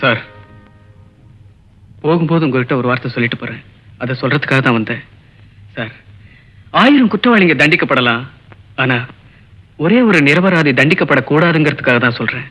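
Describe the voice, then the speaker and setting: An earnest young student pleading. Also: male voice, on the high side, lively intonation, brisk, long pauses, pushed and bright. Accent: Tamil. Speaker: college student. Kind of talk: 1980s film acting.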